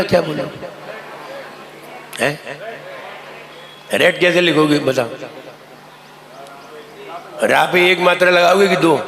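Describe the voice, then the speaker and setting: A man giving a sermon as a monk, who chants verses slowly and then explains them in a chatty, teasing way to a live audience. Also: sits high. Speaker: Jain monk teaching. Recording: live crowd heard behind.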